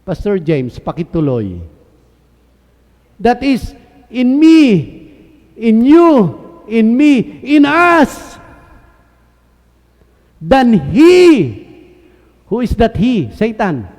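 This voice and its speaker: A man's voice: very high-pitched, huge pitch swings, extremely slow, long pauses, a little mellow. A man preaching a sermon, asking his congregation questions and answering them himself, moving between Tagalog and English and acting out quoted voices. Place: church hall. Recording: reverberant hall.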